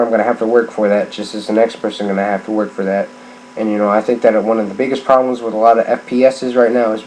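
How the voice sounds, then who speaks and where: A drunk middle-aged man on a rambling, casual gaming rant, halting and repeating himself as he circles back on phrases. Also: fairly low pitch, darkish tone. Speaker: gaming vlogger. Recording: clearly noisy background ambience.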